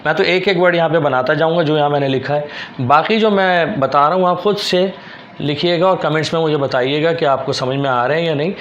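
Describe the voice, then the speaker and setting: A Pakistani man with a Karachi Urdu accent gives a classroom-style shorthand lesson, patiently repeating words and spelling them out letter by letter. His voice is fairly high and fairly bright, with slight background noise.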